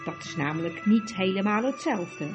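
A woman reading a storybook aloud in a measured way. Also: medium pitch, animated, music in the background. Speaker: audiobook narrator. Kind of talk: storybook narration.

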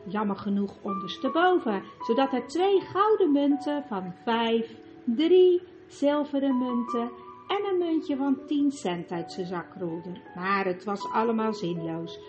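A woman's voice: on the high side, expressive, a little slow. Woman narrating a storybook over music. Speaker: audiobook narrator. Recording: lo-fi with music behind.

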